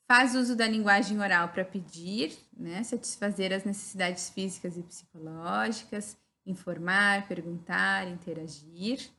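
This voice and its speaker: A woman's voice: mid-range voice, bright, forceful tone. A woman with a Brazilian Portuguese accent giving a recorded teaching lecture, explaining step by step and often checking in with "né?". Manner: didactic, frequent "né?" tag questions.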